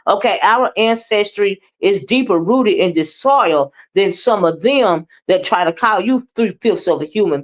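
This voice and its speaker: On a livestream, an American woman with a fairly low voice offers casual commentary as host, responding to chat. She talks emphatically and conversationally, often finishing phrases with a questioning tag.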